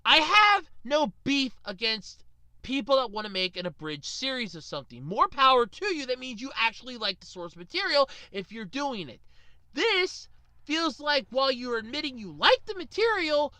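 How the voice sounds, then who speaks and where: A woman with a bright, high-pitched, sing-song voice rants to her viewers at normal speed, her pitch swinging widely up and down. Sarcastic and exasperated, she presses hard on her words in an opinionated rant. The recording is dry, with no echo or room sound.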